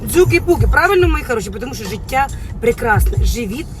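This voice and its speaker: Middle-aged woman, rapid gushing car selfie vlog, average pitch, loud music bed. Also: sing-song. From Ukraine. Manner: effusive, sing-song, full of pet names and diminutives. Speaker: vlogger. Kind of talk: chatty selfie vlog to followers. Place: in a car, driving. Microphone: phone held in hand. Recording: sad-sounding music playing behind.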